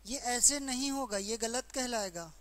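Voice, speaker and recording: A woman's voice: on the high side, animated. A woman teacher with a Hindi accent explaining English verb forms in a grammar lesson, asking questions and repeating each answer. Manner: slow, repetitive explaining with questions to students. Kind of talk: exam-prep grammar lesson.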